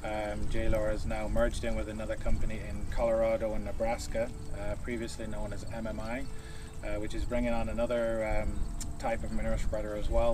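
Man explaining farm machinery outdoors, flat delivery. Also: lowish voice, recorded from a distance, noisy background. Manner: casual, many fillers, explanatory. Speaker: product specialist. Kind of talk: outdoor product demonstration. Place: outdoors at a farm equipment show.

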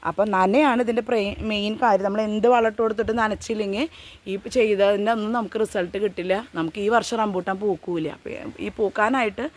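A woman's voice: mid-range voice, fairly even intonation, a little fast. A woman vlogging in her home garden outdoors, giving casual how-to advice in an earnest way. She repeats her warnings and adds friendly tag questions.

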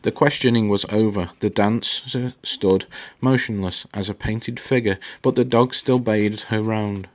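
A man narrating a novel aloud in a steady, dramatic reading with small slips. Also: lowish voice, measured pace. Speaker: book reader. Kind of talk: audiobook narration.

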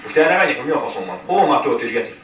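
A man giving live commentary on his own game run, cursing all the time and snapping into angry yells. He sounds set back from the mic in an echoey room, with a faint hiss underneath. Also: mid-range voice, big pitch swings, far from the mic. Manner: swears constantly, frustrated outbursts. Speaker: gamer commentating a playthrough.

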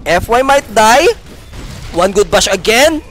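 Man, high voice, play-by-play caster ng esports, mabilis at excited, may kaunting ingay sa likod. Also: a little hiss or hum. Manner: fast excited play calling. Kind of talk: esports commentary mixing Tagalog and English.

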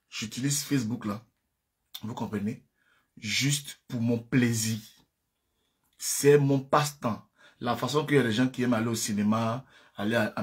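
A man hosting a casual live stream, speaking directly to his viewers, often repeating himself. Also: breathy edge. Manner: taunting, laughing, rising to shrill highs; repetitive, addresses viewers directly. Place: at home, seated. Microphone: phone or webcam.

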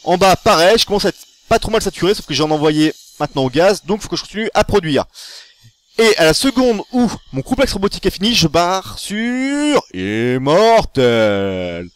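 A man giving a casual tutorial, commentating over his own game. He is chatty and excitable and corrects himself as he goes. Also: high voice, fast talker, no room sound. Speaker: gaming tutorial host.

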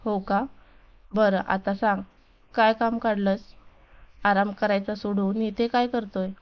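A woman's voice: mid-range voice, flat delivery, clean tone, dull audio, lightly acted. A woman voicing a young woman who pouts and scolds her fiancé lovingly, in a storybook reading. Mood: pouting. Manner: pouting, quick to scold.

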